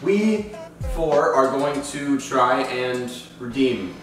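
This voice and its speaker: An upbeat, jokey man hosts a casual cooking vlog. He speaks slowly and with a lively, swinging pitch. He sounds far from the mic in a very echoey kitchen, with music playing underneath. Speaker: host. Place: home kitchen. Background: background music.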